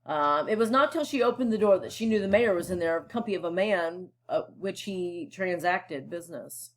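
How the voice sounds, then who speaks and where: A woman's voice: on the low side, animated, normal speed. A woman teacher reading a novel aloud and explaining it to students in a casual, conversational way, often checking in with them. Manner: casual and explanatory, with frequent fillers and check-ins.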